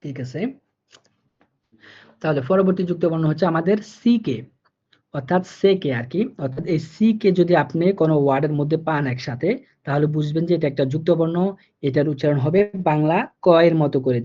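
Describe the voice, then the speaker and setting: Man, Bangladeshi Bengali accent, patient teacher, warm dark timbre, dull lo-fi sound. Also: a little high. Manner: patient, repeats rules slowly and asks if students follow. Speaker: German language teacher. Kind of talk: online language lesson. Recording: dull, muffled lo-fi recording.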